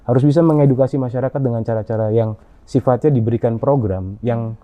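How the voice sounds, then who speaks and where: A man answering interview questions in a halting way, with frequent fillers and restarts. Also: mid-range voice, mellow. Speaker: interview guest. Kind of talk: conversational interview. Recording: dull lo-fi audio.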